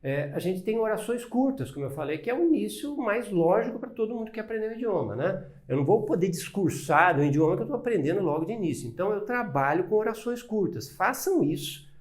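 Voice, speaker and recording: A man's voice: sits high, expressive, quick pace, few pauses. A man with a Brazilian Portuguese accent teaching an English lesson, explaining patiently and often checking understanding with short tag questions.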